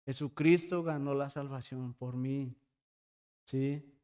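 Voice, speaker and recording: A man preaching a sermon in church, often asking his congregation for a quick "yes?" and calling them brothers. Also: fairly high pitch, a little mellow, clean tone. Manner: preaching with frequent rhetorical "¿sí?" checks. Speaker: pastor.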